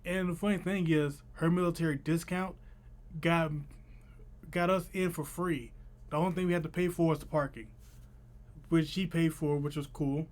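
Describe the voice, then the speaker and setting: A man's voice: fairly high pitch, steady tone, moderate pace. A young man with a lisp that slurs his s toward sh, chatting casually to camera as he tells a story in informal, slangy speech. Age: young adult. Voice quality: lisp with slushy sh-like s sounds. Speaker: vlogger. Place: small room at home.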